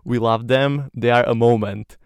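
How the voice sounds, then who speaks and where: A young Slovak man, a native speaker, hosts a casual podcast interview, earnest and admiring, with plenty of "like" fillers. His mid-range voice is smooth, at normal speed with fairly even intonation, recorded with no room sound.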